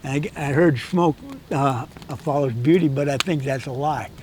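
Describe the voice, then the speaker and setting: A man's voice: on the high side, moderate pace, very noisy. Stammering eighty-year-old outdoorsman. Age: 80s. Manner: rambling, stammers and repeats words. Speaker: interviewed guest, hunting guide. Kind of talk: casual storytelling chat. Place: outdoors in a canyon.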